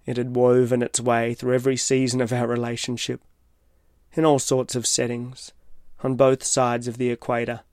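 Guy reading his own reflective essay, smooth clear voice, dry close sound. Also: medium pitch, completely flat delivery, no room sound. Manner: measured, reflective, literary. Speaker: narrator. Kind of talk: scripted reflective narration. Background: soft guitar music.

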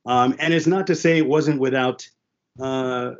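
Speaking in an unhurried, mid-range voice, this man from New York and New Jersey earnestly shares his story on a panel, leaning heavily on "uh" and "you know." French and Haitian Creole were his first languages. The sound is lo-fi.

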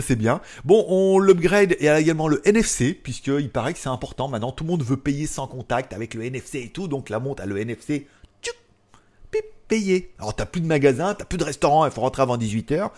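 A man's voice: medium pitch, a little mellow. A man hosting a casual tech news vlog, chatty and sarcastic, with frequent fillers and asides. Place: lives in Thailand.

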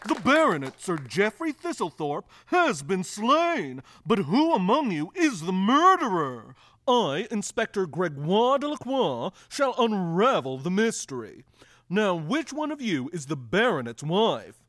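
A cartoon stage director, grand and bossy, with a high voice that swoops through a wide range. He speaks slowly, and his lines are delivered dry and close to the mic. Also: huge pitch swings, a bit bright, no room sound, heavily acted. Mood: grandiose. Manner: theatrical, bossy. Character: pompous, exasperated male theatre director. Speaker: stage director playing a detective.

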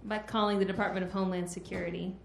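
A woman, the show's co-producer, bantering playfully on stage and yelling a mock rant. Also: medium pitch, level tone, rapid-fire, creaky, slight background noise. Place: stage in an echoey venue. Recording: echoey live venue.

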